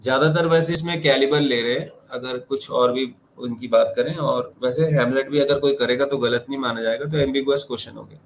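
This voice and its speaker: Male exam lecturer, medium pitch, reading questions slowly. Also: steady tone, a little hiss or hum, rough recording. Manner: explains in Hindi, reads questions slowly in English. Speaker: teacher.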